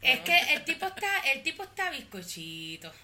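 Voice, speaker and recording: A woman's voice: high voice, very animated, normal speed, bright, forceful tone. A woman, co-hosting a casual podcast chat with crude, blunt jokes. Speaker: podcast co-host.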